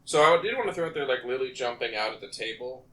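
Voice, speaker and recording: A man co-hosting a podcast, chatting casually and getting animated when he acts out characters. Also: mid-range voice, fast talker, low-quality recording. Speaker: podcast co-host. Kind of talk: casual chat.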